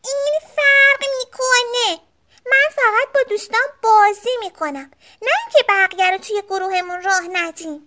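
A woman voicing a young girl bear cub, proud and quick to defend herself, in a storybook. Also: lively intonation, a little hiss or hum. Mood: defensive. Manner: high squeaky girlish voice.

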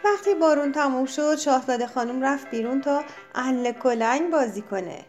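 A woman with a high voice reads a children's storybook aloud, gentle and expressive. Faint music plays under her narration.

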